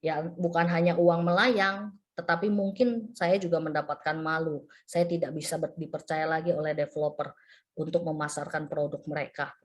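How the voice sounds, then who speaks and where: A woman's voice: deep voice, fairly even intonation, normal speed. A woman preacher giving a sermon as a personal story, acting out the phone calls and messages she describes.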